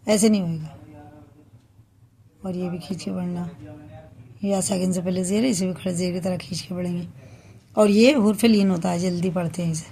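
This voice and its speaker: A woman teaching the rules of Quran recitation, explaining patiently and then reciting verses slowly and drawn out, often checking that listeners follow. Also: fairly low pitch, mellow, husky. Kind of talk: tajweed lesson with slow recitation.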